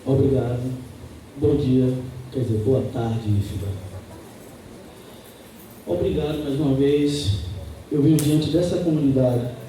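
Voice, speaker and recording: A man's voice: medium pitch, mellow, a little hiss or hum. A man from Salvador, giving an earnest, emphatic opening statement as a candidate in a campus debate, repeating his key phrases. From Salvador, Brazil. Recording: echoey room, voice picked up from far off.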